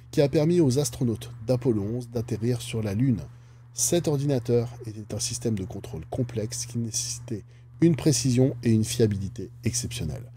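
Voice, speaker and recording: A man talks through a company's stock analysis in a casual, chatty way and keeps adding jokey asides. His voice is mellow and somewhat dark. A faint hum sits under the recording. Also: medium pitch. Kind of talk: casual finance commentary.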